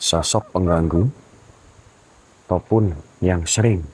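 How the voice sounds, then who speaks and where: A young man leads a roadside ghost hunt, his low voice moving between chanted prayers and direct talk to his viewers. Steady wind and outdoor noise sit right under him. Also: slow, low-quality recording. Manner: solemn, intoning Arabic prayers, then urgent and startled. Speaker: ghost-hunting vlogger. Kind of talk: spoken invocations and narration to viewers.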